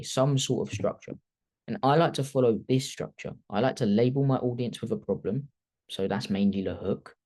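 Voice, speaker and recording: A man's voice: lowish voice, a little mellow. A man teaching a casual personal branding masterclass, talking off the top of his head and tagging sentences with "okay?". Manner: conversational, keeps tagging "okay?", thinks aloud off the cuff. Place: video call.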